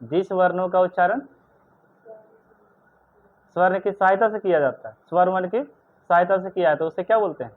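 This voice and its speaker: A man's voice: high-pitched, moderate pace, long pauses. A male teacher in a classroom, running a grammar lesson and firing questions at students, stern and scolding. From India. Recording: tinny phone-like recording.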